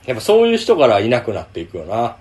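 Fast, lively Kansai man chatting. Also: mid-range voice. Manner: chatty, storytelling, laughing often. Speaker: podcast co-host. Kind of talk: casual chat.

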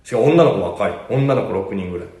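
A man with a Kansai accent chats on a podcast, telling a long story with a lively, swinging pitch. He talks quickly and laughs often. His voice rings in an echoey room. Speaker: podcast co-host. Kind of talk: casual chat.

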